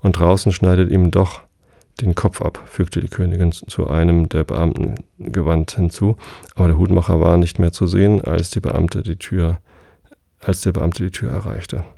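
A man reading a children's classic aloud in plain, even storytelling, recorded close and dry. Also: low voice, normal speed, gravelly, dry recording. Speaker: audiobook reader.

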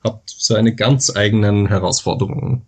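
Hesitating frequently, a man with a lowish, husky voice explains things at length as a podcast interview guest. He's from Vorarlberg, western Austria, with an Austrian accent, and keeps to careful, measured standard German.

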